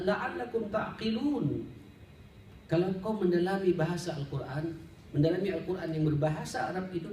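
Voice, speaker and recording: A male Islamic preacher, a little high-pitched, gravelly and mellow, teaches in a conversational, didactic sermon style, addressing listeners directly and asking rhetorical questions. It's a study-circle lecture with Arabic recitation, heard in an echoey, roomy space from a distant mic with faint background noise.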